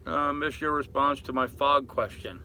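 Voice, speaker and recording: An older man hosts a casual live chat aboard a boat at anchor, rambling as he reads and answers comments and speaks familiarly to viewers. His mid-range voice has a sharp tone and moderate pace, though the audio is poor.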